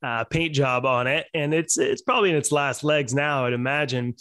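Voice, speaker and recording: A man's voice: medium pitch, normal speed, fairly bright tone, no echo, clean studio sound. A man in his forties hosting an interview from his home office, asking questions with friendly enthusiasm. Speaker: host. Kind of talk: casual interview conversation.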